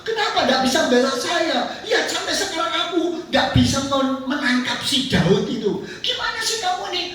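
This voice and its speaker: Preacher doing angry suspicious king, accusing questions, high voice, echoey distant church sound. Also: sing-song, normal speed, bright, forceful tone, exaggerated voice. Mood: scolding. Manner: scolding, indignant questions.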